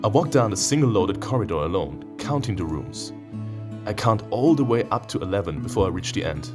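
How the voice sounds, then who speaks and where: This host has a lowish, sing-song voice and a brisk pace, with music in the background. He reads visual novel text aloud and comments on it in a playful, theatrical style that erupts into sudden outbursts.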